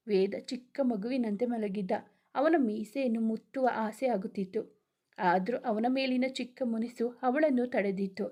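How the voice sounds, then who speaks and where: A woman narrating a romantic audio story at an even, unhurried pace. Her voice sits a little high, and her reading stays gentle and steady.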